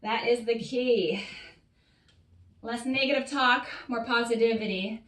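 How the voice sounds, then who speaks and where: A woman's voice: fairly high pitch, a little slow, fairly bright tone, recorded from a distance. A woman fitness coach guiding a workout, encouraging and cueing each breath and rep, a little out of breath. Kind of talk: workout instruction. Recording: roomy sound, voice off-mic.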